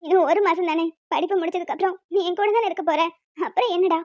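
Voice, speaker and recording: A woman's voice: extremely high pitch, fast, a little mellow, no room sound, lo-fi sound. A woman voicing a caring middle-aged mother in a cartoon, speaking in a soothing, reassuring way. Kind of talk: cartoon voice acting.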